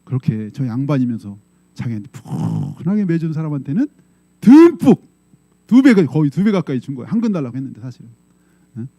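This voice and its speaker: In a church sanctuary, a middle-aged pastor delivers a sermon conversationally, speaking fast in a mellow, sing-song, mid-range voice with no echo. He frequently checks in with the congregation and performs quoted voices in brief dramatic bursts.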